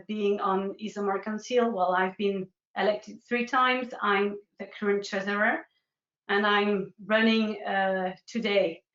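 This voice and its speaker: Woman guest, halting casual interview talk, echoey and muffled. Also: medium pitch. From France. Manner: hesitant, many fillers. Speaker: guest, agency founder.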